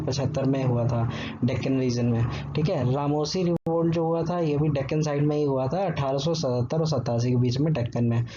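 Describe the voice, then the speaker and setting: A man's voice: mid-range voice, warm tone. A man teaching an exam-prep history lesson, explaining step by step and checking in with the listener often. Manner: explanatory, repeats "ठीक है" often. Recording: dull lo-fi sound with faint background noise.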